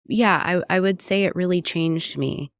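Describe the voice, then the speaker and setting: Her pitch fairly low and her pace a little slow, a woman from Puerto Rico who writes cookbooks and produces radio talks thoughtfully and sincerely in a conversational interview. She frequently adds "right?", and the studio-quality audio has no echo.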